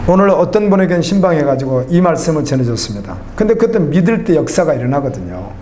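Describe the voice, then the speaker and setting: A man's voice: a little high, very animated, quick pace, mellow, reverberant, slight background noise. A middle-aged man preaching a sermon as a pastor, talking conversationally and putting questions to the congregation. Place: church.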